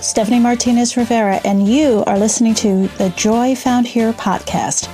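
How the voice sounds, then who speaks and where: She has a fairly high, mellow voice: a New York-accented podcast host in her sixties, from New York State. Her enthusiastic, chatty style suits the upbeat intro and interview she's giving.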